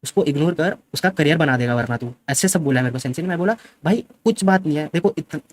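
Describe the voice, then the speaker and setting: A young man, a streamer, retelling a fight in a fast and defensive way and mixing in English words. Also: fairly high pitch, lively intonation. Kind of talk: casual storytelling.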